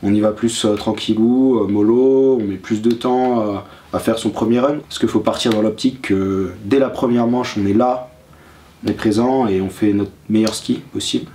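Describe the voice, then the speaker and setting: Young male ski trainee from the Paris region, calm and reflective, darker low voice. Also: normal speed, a little hiss or hum. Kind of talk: documentary interview.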